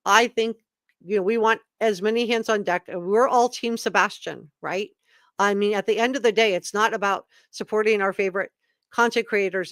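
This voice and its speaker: Female livestream host, mid-range pitch, emphatic and opinionated, reads documents aloud and comments informally, dry sound. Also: fairly bright tone, no echo. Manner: emphatic, repeats key words for effect; opinionated, informal asides between read passages. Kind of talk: live commentary, reading statements aloud to chat.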